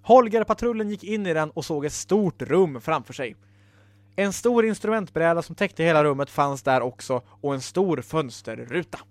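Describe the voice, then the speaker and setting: Man reading a story aloud, slightly high voice, very dry close sound. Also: lively intonation, dry recording. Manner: laughs at his own story.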